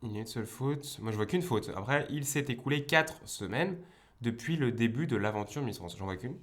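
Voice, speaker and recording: A young man talks through a quiz in a casual vlog, his voice hoarse from a cold. He keeps mocking himself, swearing and exclaiming in fluster as he second-guesses his answers. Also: medium pitch, lively intonation, a little fast, fairly bright tone. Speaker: law teacher and YouTuber.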